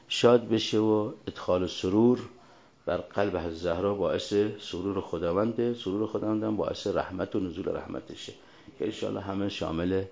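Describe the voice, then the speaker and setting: Male preacher, Arabic accent, lowish voice, didactic sermon delivery with recited quotations, dull lo-fi recording. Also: a little mellow. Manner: didactic, quotes then explains. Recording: dull, lo-fi sound.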